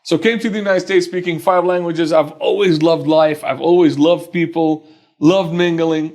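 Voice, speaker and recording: A man in his forties from Iraq, a personal injury attorney telling his life story as a podcast guest in an earnest, measured way. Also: fairly high pitch, steady tone, a little mellow.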